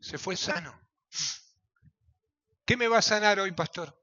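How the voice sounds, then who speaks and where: A man preaching with a Rioplatense accent, his voice high and bright, cutting through a dull, lo-fi recording. He swings from shouted appeals to low, urgent murmurs. He speaks as a pastor in a fiery evangelical sermon. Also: measured pace. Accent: Rioplatense Spanish. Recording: dull lo-fi sound.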